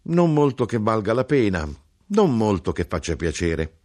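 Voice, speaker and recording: An actor reading an audiobook voices a young, thin male knife grinder with a slightly raspy voice, who shouts and sneers. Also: lowish voice, sing-song, normal speed, pitched above the performer's own voice. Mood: mocking shouts.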